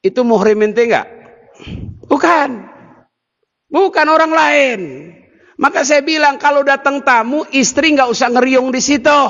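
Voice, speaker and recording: A man giving a sermon, lively and teasing as he jokes with the audience. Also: very high-pitched, big-room sound, highs cut off. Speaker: preacher.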